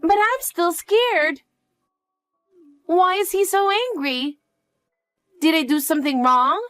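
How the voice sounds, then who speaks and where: A woman voicing an anxious, clingy elementary-school girl in an audio drama, asking high, pleading questions. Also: lively intonation, takes it slowly, fairly bright tone, no echo, clean studio sound, heavily acted. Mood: scared.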